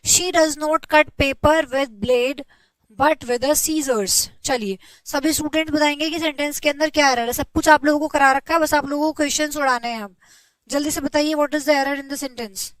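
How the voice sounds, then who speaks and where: High-voiced woman teaching grammar. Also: fairly even intonation, a bit bright, dry recording, poor audio. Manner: explains patiently with repeated check-ins to students; dictates example sentences slowly. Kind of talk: online class lecture.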